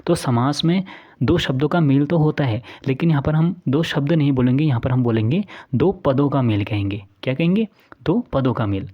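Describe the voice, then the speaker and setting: A man's voice: medium pitch, a little mellow. A man giving an exam-prep lesson, explaining answers step by step and repeating key points back as questions. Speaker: teacher.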